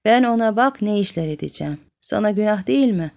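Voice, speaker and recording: A woman's voice: mid-range voice, expressive, quick pace, vocal fry, a little mellow, voice pushed up. A woman voicing a sly, lecherous middle-aged village man who coaxes and then threatens. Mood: scheming.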